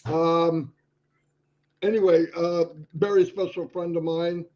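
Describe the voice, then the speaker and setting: A man's voice: fairly high pitch, little pitch movement, takes it slowly, warm tone. A man hosting a live stream, opening the show in a chatty, rambling way. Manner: chatty, rambling, many fillers. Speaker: host. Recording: dull lo-fi stream audio.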